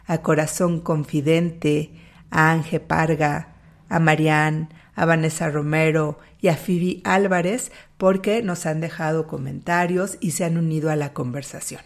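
Female host, Latin American Spanish accent. Deep register, gravelly edge, informal spiritual teaching, unhurried and deliberate. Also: a little mellow. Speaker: host of a spiritual talk series. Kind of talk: informal spiritual talk to listeners.

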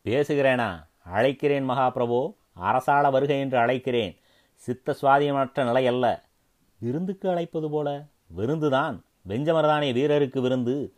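A treacherous courtier coaxes and flatters with smooth persuasion, as a man puts him on. He delivers his lines at a middle pitch in dramatic storybook style. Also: a little slow, close to an everyday voice. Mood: flattering.

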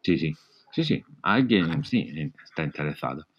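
A man's voice: rumbling low, sing-song, moderate pace, husky, lo-fi sound. A man from Italy with an Italian accent, a guest in a casual interview, hesitantly searching for words in non-native Spanish. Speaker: podcast guest, amateur astronomer.

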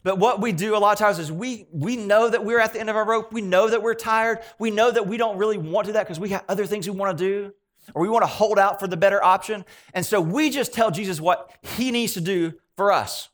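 Male pastor, slightly higher voice, relaxed conversational preaching with quiet asides and emphatic bursts. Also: brisk. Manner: conversational preaching, shifting between soft asides and emphatic points. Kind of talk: sermon. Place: church gathering.

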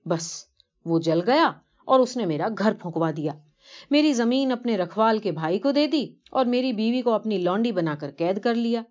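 A woman's voice: on the high side, animated, a little mellow, natural voice. A woman voicing a poor, devout elderly man who earnestly tells of his pilgrimage in a story reading, on a dull lo-fi recording. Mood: humble, earnest.

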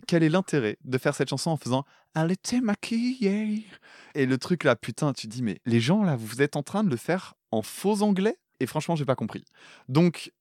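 A man co-hosting a casual music podcast, animated, laughing often and swearing casually as he reviews song covers. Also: mid-range voice, dry recording, clean studio sound. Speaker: podcast co-host; schoolteacher.

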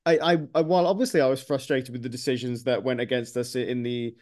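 A man's voice: medium pitch, steady tone, fast talker, a little mellow. A man hosting a football podcast, chatting casually and animatedly with strong opinions. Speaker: podcast host.

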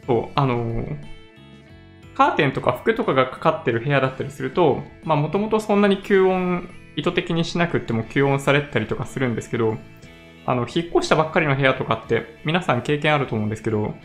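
A man's voice: on the high side, fast talker, soft background music. Chatty man in an echoey bare room. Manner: relaxed, chatty, often laughing. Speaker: vlogger. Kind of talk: casual chat to camera. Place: newly moved-in empty room, indoors. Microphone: condenser mic on a stand.

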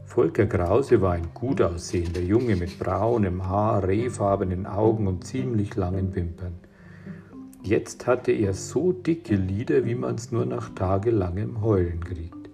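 A man reading a children's adventure audiobook in a measured storytelling manner. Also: on the low side, vocal fry. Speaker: audiobook reader. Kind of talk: scripted narration. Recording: reading over guitar music.

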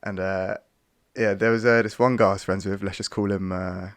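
A man's voice: deep voice, steady tone, moderate pace, no echo. A young man, co-hosting a podcast and telling stories in a laid-back, slangy way. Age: young adult. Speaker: podcast co-host. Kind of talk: casual chat.

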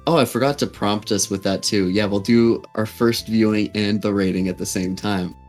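A man's voice: lowish voice, steady tone, normal speed, faint music behind. A man hosting a podcast in a casual, conversational style. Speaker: podcast host. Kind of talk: casual chat.

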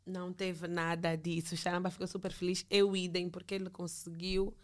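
Low-voiced woman chatting casually. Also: little pitch movement, a little fast. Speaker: podcast guest, copywriter. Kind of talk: casual conversational storytelling.

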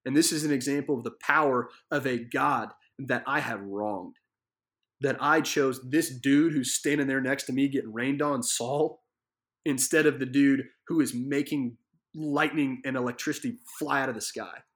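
A man's voice: mid-range voice, normal speed, a bit bright. A man giving a casual devotional Bible teaching from a living room, telling the story vividly and earnestly, with many fillers and restarts.

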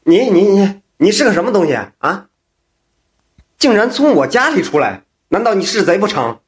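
A man voicing a reckless, hot-tempered gambler who shouts and stammers, with a husky voice. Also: high voice, expressive, moderate pace. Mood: angry shouting.

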